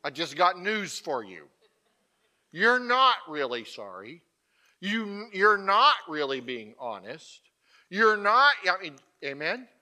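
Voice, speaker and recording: Bright high-voiced man preaching chattily. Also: big pitch swings, slow pace. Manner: chatty, emphatic, checks in with the congregation with asides. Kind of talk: conversational sermon.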